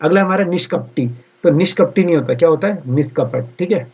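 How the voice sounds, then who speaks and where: Husky-voiced man teaching a class. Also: sits high, highs cut off. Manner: repeats answers slowly, frequent "theek hai" fillers. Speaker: exam-prep Hindi teacher. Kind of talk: online class lecture.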